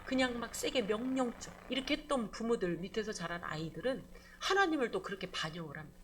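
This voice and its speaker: A woman pastor preaching a midweek church sermon, lively and conversational, calling out for amens and acting out voices. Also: fairly high pitch. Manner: animated preaching, calls for amen, acts out scolding voices.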